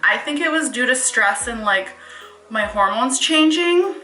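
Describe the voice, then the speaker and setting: Young woman, bright voice, rambling casual chat, fillers, slightly breathless, echoey room, faint music. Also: on the high side, lively intonation, unhurried. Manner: rambling, many fillers and asides. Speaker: hair stylist vlogger.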